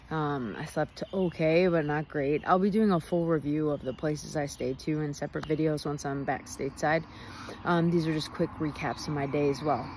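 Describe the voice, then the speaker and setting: A woman's voice: deep voice, a little mellow, slight background noise. A young woman recapping her day in a chatty, rambling way, often laughing, recorded on her phone outdoors. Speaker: travel vlogger. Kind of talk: casual recap vlog. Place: outdoors near a highway.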